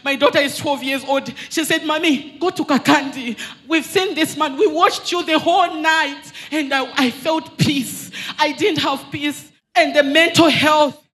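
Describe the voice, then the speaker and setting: A young woman from Zambia, her voice sitting high and fairly bright, gives an earnest, emphatic church testimony into a handheld mic in a large hall. She speaks unhurriedly with few pauses, retelling dialogue, while faint music plays behind her.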